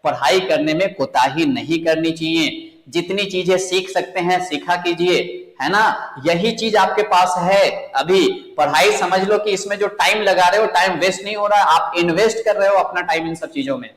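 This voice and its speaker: A man's voice: high-pitched, moderate pace, fairly bright tone. A man teaching number series for bank exams, working through each step and asking his students questions. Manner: explains step by step, asks the students questions, addresses them as children. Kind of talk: exam coaching lesson. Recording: echoey room, long reverb.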